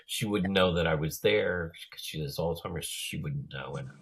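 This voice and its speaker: A man's voice: sits low, moderate pace, vocal fry, slight background noise. A man talking in a casual chat, hesitant, with many fillers and trailing phrases.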